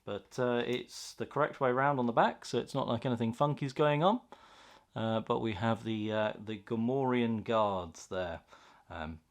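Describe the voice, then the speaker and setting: A man's voice: mid-range voice, moderate pace. A man chatting casually and enthusiastically as he hosts an unboxing, reacting aloud to what he finds. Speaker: host of a card pack opening video.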